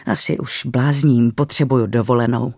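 A storyteller voicing a worried young husband, lowering the voice and speaking hesitantly, in a dry recording. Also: animated, vocal fry, darkish tone, slightly rough, dry recording. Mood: uneasy. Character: uneasy young husband and father.

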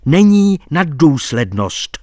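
A man's voice: medium pitch, animated, no echo, clean studio sound. A man reading an audiobook voices an earnest, insistent male doctor telling of a ghostly night. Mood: impatient.

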